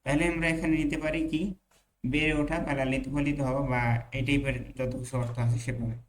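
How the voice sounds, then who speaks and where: Man teaching Arabic in a slow, hesitant lecture. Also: fairly high pitch, little pitch movement, a little hiss or hum, poor audio. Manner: reads Arabic slowly, then explains with hesitant fillers and asides to students. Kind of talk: online class lecture, explaining Arabic text in Bengali.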